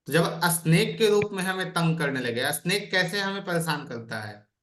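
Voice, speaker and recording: A man's voice: a little high, expressive, moderate pace, fairly bright tone, echoey room. A man teaching an online astrology class, explaining by asking his students questions.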